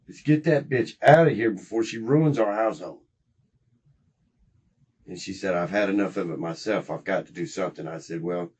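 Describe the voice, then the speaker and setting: Husky man in a muffled interrogation. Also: on the low side, a little mellow. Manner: rambling, profane, agitated recounting. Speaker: interrogation suspect. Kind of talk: recorded police interrogation. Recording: muffled interrogation room recording.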